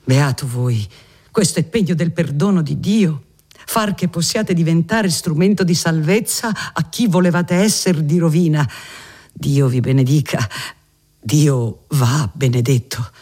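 A man voicing a gentle, fervent elderly cardinal who speaks with earnest tenderness. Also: fairly high pitch, measured pace, voice pushed up. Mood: urgent.

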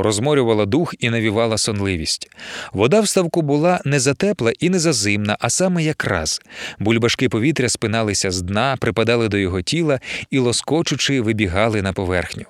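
Male narrator, lively, expressive reading, dry close sound. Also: medium pitch, fast, dry recording. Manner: expressive storytelling. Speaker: audiobook narrator. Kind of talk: scripted narration.

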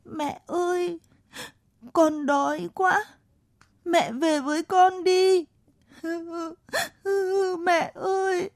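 A woman's voice: very high voice, steady tone, drawn-out words, long pauses, dry recording, studio quality, voice pushed up, heavily acted. A woman voicing a small lost boy who cries for his mother in a storybook tale. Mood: crying. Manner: wailing, tearful.

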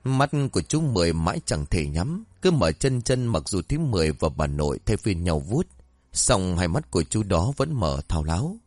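Expressive low-voiced male storyteller. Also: normal speed, no echo. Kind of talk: scripted narration of a serialized story.

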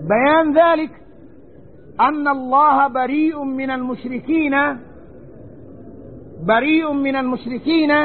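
A man gives a religious lesson, his voice set very high. He is emphatic and circles back over the same phrases to correct pronunciation. It is a tinny, narrow recording with a faint hiss underneath. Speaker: Islamic scholar teaching Quran commentary.

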